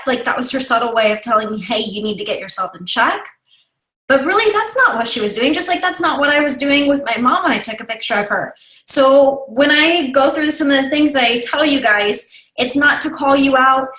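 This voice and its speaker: A woman's voice: sits high, echoey room, low-quality recording. A woman in her thirties, a team leader talking frankly on a video call, confiding and tearful, sniffling at times. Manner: warm, open, confiding, with small laughs. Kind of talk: casual talk on a video call.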